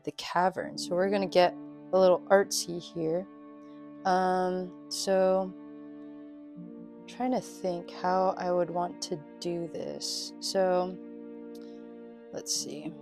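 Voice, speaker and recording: A woman hosting a solo tabletop role-playing game, narrating the story and commenting casually. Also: fairly low pitch. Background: soft music.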